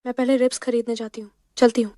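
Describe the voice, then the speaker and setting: A woman's voice: fairly high pitch, little pitch movement, fast, dry recording, clean studio sound, lightly acted. A woman dubbing a cheerful, talkative young woman who poses as a girlfriend. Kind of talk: dubbed drama acting. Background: soft background music.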